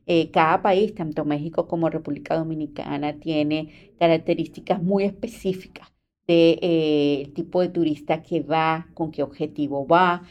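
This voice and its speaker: Low, mellow-voiced Latin American Spanish woman. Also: steady tone, normal speed, dull audio. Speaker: host of a program about vacation properties. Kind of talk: informal explanatory monologue to an audience.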